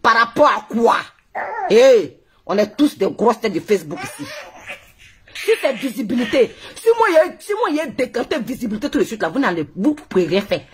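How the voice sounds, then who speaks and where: This woman has an Ivorian French accent and a husky, fast voice on the high side with big swings in pitch. She's a blogger ranting heatedly into her phone on a Facebook live stream, mocking and scolding amid plenty of laughter.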